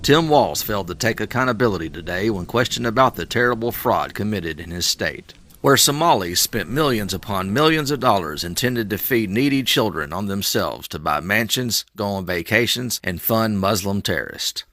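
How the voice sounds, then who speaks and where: A man's voice: lowish voice, expressive, moderate pace, hardly any pauses, a bit bright. A man playing a smug, biased parody news anchor with a formal scripted newsreading delivery. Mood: smug, indignant.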